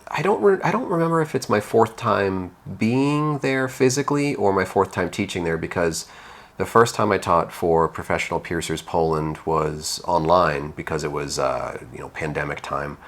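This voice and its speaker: A man co-hosting a podcast, talking in a relaxed, rambling way with many restarts. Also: sits low, moderate pace. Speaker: podcast co-host, piercing educator. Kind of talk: casual chat.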